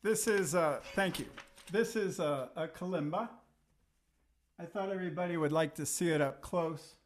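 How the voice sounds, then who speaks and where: A man talking casually and haltingly on a video call, doing a show-and-tell. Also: fairly high pitch.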